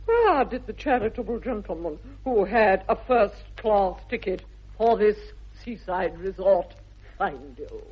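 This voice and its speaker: A woman's voice: mid-range voice, expressive, measured pace, husky. An actress playing a formidable, snobbish older aristocratic lady with an upper-class English accent in a British radio comedy of the 1960s, haughty and theatrical. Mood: haughty, probing. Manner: imperious, haughty, theatrical swooping delivery. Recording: dull vintage radio recording.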